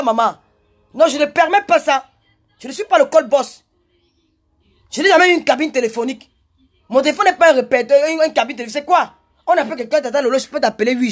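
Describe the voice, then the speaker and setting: Loud, scolding woman with a high voice, addressing her detractors live. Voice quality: loud, forceful way of talking. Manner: combative, scolding, repetitive. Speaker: social media personality. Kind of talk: ranting live video address.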